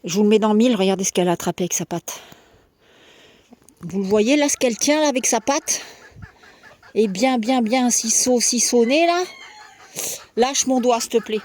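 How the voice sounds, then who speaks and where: A woman's voice: a little high, moderate pace, long pauses, a little mellow. A woman chatting casually to her viewers while tending her hens outdoors, talking spontaneously and cooing fondly at the birds. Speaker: backyard poultry keeper vlogger. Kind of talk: casual vlog chat. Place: outdoors by a henhouse.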